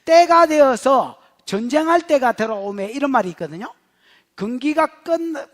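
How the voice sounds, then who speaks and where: A middle-aged male pastor with a Gyeongsang Korean accent, preaching in a humorous, animated storytelling manner. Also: very high voice. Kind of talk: sermon.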